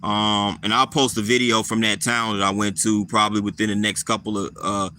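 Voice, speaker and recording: A man casually talking to his live chat viewers, relaxed and repetitive, answering people by name. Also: fairly low pitch, fairly quick. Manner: laid-back, repeats himself, answers viewers by name.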